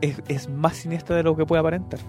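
Chatty young Chilean man, high voice. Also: flat delivery, fast, mellow, soft background music. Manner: chatty, many fillers and restarts. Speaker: radio show host. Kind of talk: casual radio chat about music. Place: radio studio.

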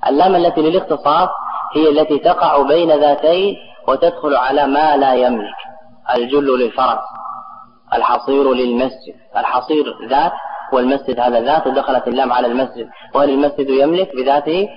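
A man's voice: medium pitch, fairly even intonation, a little fast. A man giving a classroom grammar lesson to students, explaining step by step and putting questions to the class. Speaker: grammar teacher. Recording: echoey, dull lo-fi recording with a crowd behind.

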